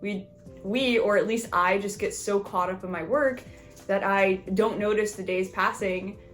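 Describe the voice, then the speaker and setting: A woman's voice: mid-range voice, steady tone, measured pace, fairly bright tone, faint music behind. Chatty woman artist vlogging. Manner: friendly, chatty, self-deprecating. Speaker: artist and video creator. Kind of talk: scripted vlog narration.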